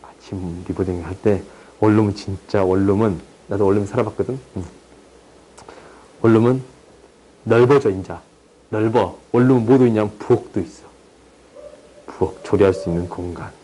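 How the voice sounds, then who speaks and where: A young man tutoring high school math in a chatty, teasing way, often checking that students follow. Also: normal speed, long pauses, warm tone, slightly rough, low-quality recording. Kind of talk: casual online math lesson.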